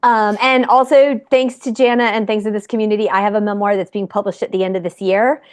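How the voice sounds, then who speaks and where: A woman who is a memoir author, speaking warmly and earnestly on a video call. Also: mid-range voice, fairly even intonation, quick pace, clear, resonant tone. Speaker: group member, memoir author. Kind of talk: casual video call chat.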